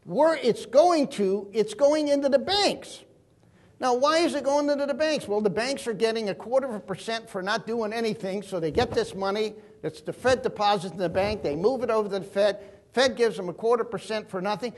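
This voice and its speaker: An older man delivers a keynote in a high-pitched voice. He speaks earnestly and with emphasis, slipping into stories between points. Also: a little fast. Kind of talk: keynote talk on money and markets.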